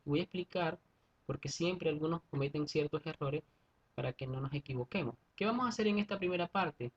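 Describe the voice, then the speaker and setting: A man's voice: a little high, slightly rough, muffled recording. A man teaching a secondary school class, going through steps methodically and often checking in with his students. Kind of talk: online class explanation.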